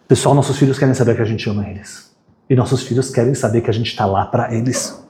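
A man's voice: mid-range voice, fast, a little hiss or hum. A man giving a sermon, telling stories and acting out the characters' voices. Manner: animated storyteller, acts out voices of characters. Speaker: rabbi giving a talk. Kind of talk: sermon with acted-out story.

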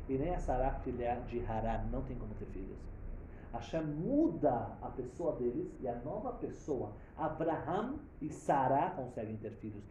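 Mellow-voiced man preaching through a story. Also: medium pitch, lo-fi sound, a little hiss or hum. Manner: animated storyteller, acting out dialogue, rising to emphatic peaks. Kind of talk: storytelling sermon. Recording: roomy echo.

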